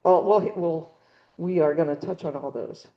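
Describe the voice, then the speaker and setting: In a meeting room with a few listeners, a middle-aged woman rambles through a casual birding club slide presentation, full of ums and false starts. She speaks at a moderate pace in a low voice, with highs cut off by a handheld or clip mic whose battery is failing.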